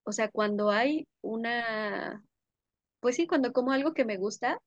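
A young woman guest in a casual interview, talking warmly and effusively about sensory pleasures, often laughing. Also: a little high, measured pace, no echo, lo-fi sound. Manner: warm, effusive, sensory descriptions with frequent laughs. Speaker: podcast guest, workshop leader.

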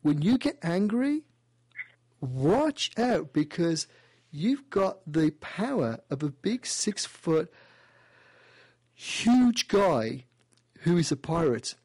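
A man hosting a call-in radio show who gives a caller a playful, animated past-life reading, often repeating and restarting his phrases. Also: on the high side, takes it slowly, pauses often, breathy edge, no echo.

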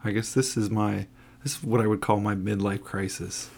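A man's voice: lowish voice, little pitch movement, normal speed, gravelly, darkish tone. A man, co-hosting a casual podcast and joking around teasingly. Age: 40s. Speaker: podcast co-host.

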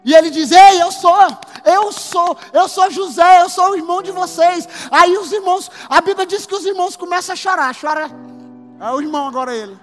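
A man preaching a sermon as pastor, emphatic and building to shouts. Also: very high voice, brisk. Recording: long hall reverb with faint music.

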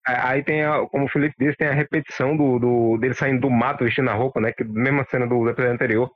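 A man's voice: mid-range voice, steady tone, fast talker, dry recording. A Brazilian man co-hosting a podcast, casually recapping an episode. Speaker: podcast co-host. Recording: dull lo-fi dry audio.

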